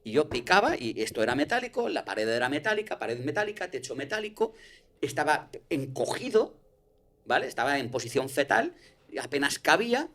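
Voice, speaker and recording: A man's voice: a little high, very animated, fairly quick, fairly bright tone. A man, telling a personal story in casual conversation, swearing and restarting often.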